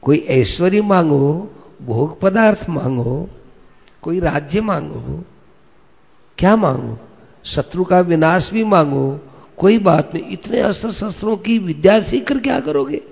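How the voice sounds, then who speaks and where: A man doing a high, booming disguised sky god. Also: animated, slow pace, vocal fry, pauses often, breathy edge, exaggerated voice. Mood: fatherly. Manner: loud, commanding, then kindly. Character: proud ascetic who is really the king of gods. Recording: echoey, dull lo-fi recording.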